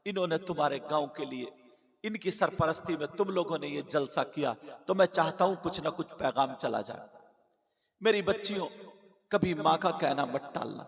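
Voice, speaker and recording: A man's voice: on the high side, expressive, creaky. A man preaching at a village religious gathering, telling a moral story dramatically and acting out a girl's cries. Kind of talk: sung-out Urdu sermon story. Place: open-air religious gathering. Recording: roomy loudspeaker echo, long reverb.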